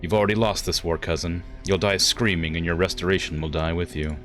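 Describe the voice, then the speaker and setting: A man's voice: deep voice, fairly even intonation, brisk, fairly bright tone, soft background music, voice pushed down. A man voicing a captured, haughty noblewoman in a video game, a foiled villain sputtering melodramatic threats. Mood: indignant, threatening. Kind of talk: reading game dialogue aloud.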